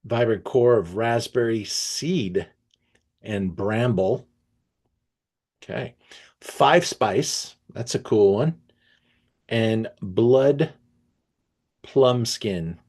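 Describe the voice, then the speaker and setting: A man hosting an online wine tasting, reading tasting notes aloud and breaking off to react with enthusiasm, often pausing with fillers and restarts. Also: medium pitch, a little mellow. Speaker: wine merchant presenting a tasting.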